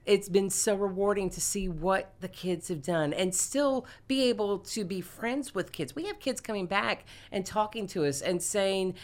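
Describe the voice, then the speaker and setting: A woman in her forties who runs a school theater program, telling her story in an animated, quick way. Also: medium pitch. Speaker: theater teacher. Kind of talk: interview conversation.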